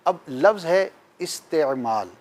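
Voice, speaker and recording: A man's voice: fairly high pitch, expressive, darkish tone. A man, a talk-show guest, patiently lecturing with emphatic examples. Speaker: guest speaker. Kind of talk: explanatory talk-show discussion.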